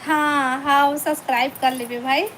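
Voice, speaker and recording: High-voiced Chhattisgarhi woman chatting on a live stream. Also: steady tone, normal speed, a bit bright, slight background noise. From Chhattisgarh, India. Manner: chatty, reads out comments and greets viewers by name. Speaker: vlogger hosting a live stream. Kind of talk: casual chat with live viewers. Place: home.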